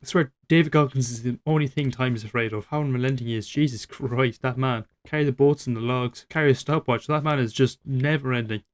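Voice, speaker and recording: A nineteen-year-old man rambling reflectively over gameplay, self-deprecating and swearing casually, his voice trailing off quietly. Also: medium pitch, fairly quick, hardly any pauses. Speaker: gaming YouTuber.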